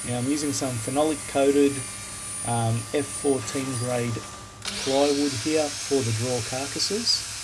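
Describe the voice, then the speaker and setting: An Australian woodworking video maker gives a casual voice-over of his workshop build, explaining each step in a relaxed, plain-spoken way. His gravelly voice is medium in pitch, and it was recorded on a hissy, noisy phone voice recorder app rather than a microphone.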